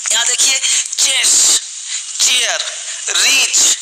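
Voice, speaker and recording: A man's voice: extremely high pitch, slow pace, sharp tone, slight background noise, rough recording. A man teaching English pronunciation, drilling words aloud with motivational asides. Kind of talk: spoken English lesson.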